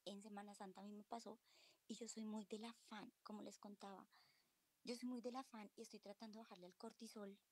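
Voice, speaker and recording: Woman, late 30s, confessional testimony over a video call, warm dark tone. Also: medium pitch, level tone, a little fast. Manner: emotional, confessional, often dropping to a whisper. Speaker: book club participant. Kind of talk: personal testimony in a group call.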